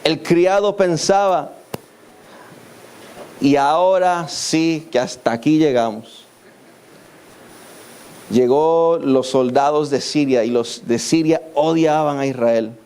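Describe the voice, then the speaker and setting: A man's voice: a little high, slow pace, long pauses, darkish tone, smooth. A man preaching a sermon in church, telling a scripture story and acting out its people in quoted lines.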